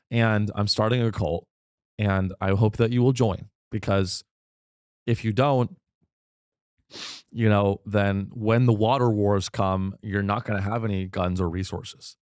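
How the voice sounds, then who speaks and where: With lively intonation and a clear, resonant tone, a podcast host talks at a measured pace, pausing often, through an irreverent, rambling comedic monologue laced with swearing. He's losing his voice, and his pitch jumps high without warning. The clean studio sound has no echo.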